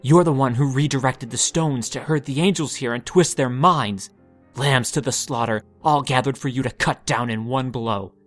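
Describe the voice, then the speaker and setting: A man's voice: medium pitch, moderate pace, fairly bright tone, breathy edge, faint music behind. A man reading a story, voicing a young mage whose voice grows grating and accusing. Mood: furious. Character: young man, a frightened mage turning furious.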